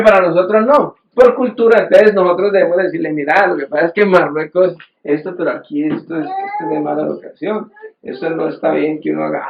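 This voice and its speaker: High-voiced preacher in an echoey church. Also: male voice, vocal fry, muffled recording, slight background noise. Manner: conversational, acts out quoted voices, frequent restarts. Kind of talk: sermon. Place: church hall.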